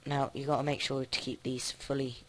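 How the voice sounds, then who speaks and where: A man casually commenting on his own gameplay, thinking aloud with many halting restarts. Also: mid-range voice, level tone, slight background noise. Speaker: let's play host.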